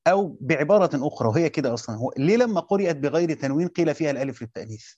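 A man with an Egyptian Arabic accent teaching a classroom lesson, quizzing his students and repeating his points slowly. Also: on the high side, lively intonation, a little mellow, husky, no room sound, dull audio. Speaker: teacher of Quran commentary.

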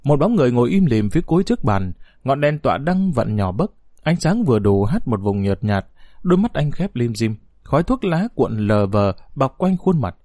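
A man's voice: medium pitch, big pitch swings, normal speed, mellow, no room sound, studio quality. A man narrating a story as an audiobook, expressively voicing the characters.

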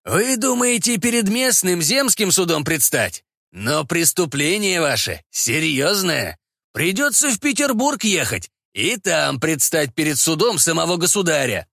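A man voicing a calm, shrewd male official in an audiobook reading. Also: fairly high pitch, vocal fry, dry recording, clean studio sound, voice pushed up, full character voice. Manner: calm, measured.

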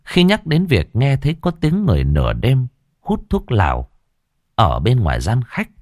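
A man narrating a ghost story in an expressive way, shifting from hushed to lively. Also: medium pitch, normal speed, dry recording, studio quality.

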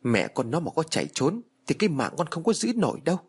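A man voicing a harsh, domineering old woman who scolds and curses her household in a shrill voice. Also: big pitch swings, quick pace, breathy edge. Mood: furious scolding.

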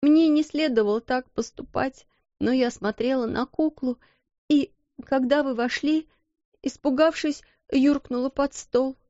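A timid, tearful young scullery maid pleads in a high, trembling voice, stumbling over her words, as a woman reading a storybook puts her on. The sound is muffled and dry, with no room around it. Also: a little slow, dark tone, dry recording. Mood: frightened pleading. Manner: pleading, tearful, breathless apologies. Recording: dull, dry lo-fi recording.

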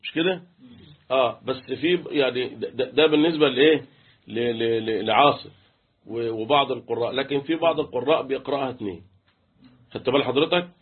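An interactive tajweed lesson is led by an Egyptian-accented man who quizzes students on Quran recitation rules and chants letters. He talks fast in a medium-pitched, breathy-edged voice, and the recording sounds tinny, like a phone call.

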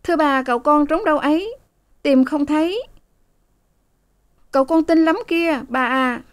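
Woman putting on a keen young maid, high and polite, quick to answer. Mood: eager. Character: eager young female servant girl.

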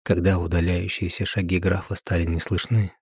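A man reads a story aloud in a calm, measured way. His voice is deep and very husky, and the recording is close and dry. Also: dry recording. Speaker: narrator. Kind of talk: audiobook reading.

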